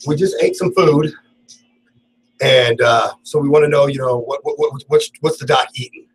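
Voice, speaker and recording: A man's voice: mid-range voice, normal speed, slightly rough, rough recording. A man hosting a radio talk show, rambling and laughing often through casual on-air banter in the studio. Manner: rambling, laughs a lot, playful.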